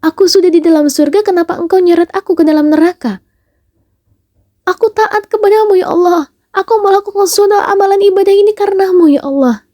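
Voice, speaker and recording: A woman's voice: very high voice, steady tone, warm tone, voice pushed up. A woman doing an indignant pleading servant. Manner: indignant, pleading, rapid protest. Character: protesting male servant pleading against judgment.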